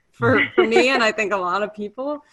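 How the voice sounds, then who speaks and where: A woman's voice: on the high side, moderate pace. Giggly woman hosting a panel. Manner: warm, giggly, upbeat. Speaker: panel host. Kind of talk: casual video-call hosting. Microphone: video call.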